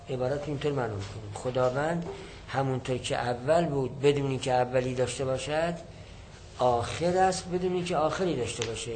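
A man's voice: medium pitch, darkish tone, slight background noise, poor audio. A man teaching a lesson, reading a classical text and explaining it line by line, repeating and rephrasing points. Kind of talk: lecturing on a classical Arabic text.

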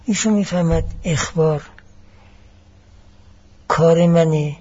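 A man giving a classroom lecture as a seminary teacher, explaining each point deliberately and mixing in Arabic phrases. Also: a little high, mellow, slightly rough, highs cut off.

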